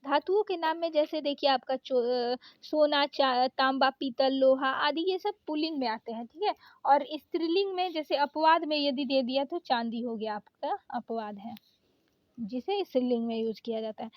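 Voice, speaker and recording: Woman, high voice, grammar teacher, exam-prep lesson, reads word lists, hesitant fillers, dry close sound. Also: normal speed, no room sound, lo-fi sound.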